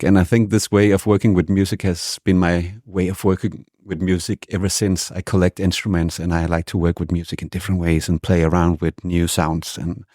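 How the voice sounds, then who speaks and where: A man's voice: low voice, darkish tone, no room sound, studio quality. A man from Denmark, a guest musician, answering interview questions casually and hesitantly, with many restarts.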